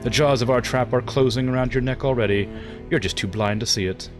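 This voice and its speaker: A man's voice: medium pitch, brisk, faint music behind, close to an everyday voice. Man acting out a sputtering, foiled villainous noblewoman. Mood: indignant, threatening. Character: captured villainous noblewoman, haughty, defiant, foiled. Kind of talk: reading game dialogue aloud.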